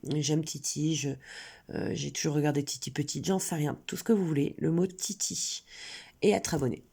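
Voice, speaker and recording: A woman's voice: sits low, fairly even intonation, moderate pace, gravelly, mellow, slightly rough. A woman with a cold, sniffling now and then, chatting casually and hesitantly with many fillers as she talks through her coloring hobby. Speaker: coloring channel creator. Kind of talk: casual crafting vlog.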